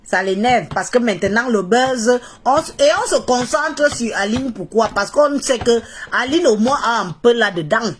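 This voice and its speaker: On a live stream, a stuffed-up Cameroonian woman mocks and opines to her followers, repeating phrases to stress them. Her accented voice is fairly high and expressive, at a moderate pace with few pauses, and there is a little hiss or hum.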